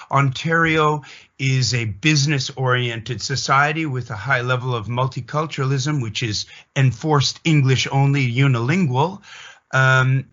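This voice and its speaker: In an interview, an emphatic, opinionated man from Atlantic Canada explains his view deliberately, like he's telling a story, in a Canadian accent. The medium-pitched voice is sharp, and the audio sounds dull.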